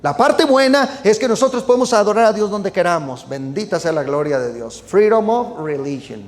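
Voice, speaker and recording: A man's voice: high-pitched, lively intonation, moderate pace. A male preacher, talking in an emphatic sermon style full of rhetorical questions and fillers. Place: United States. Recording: long reverb hall sound.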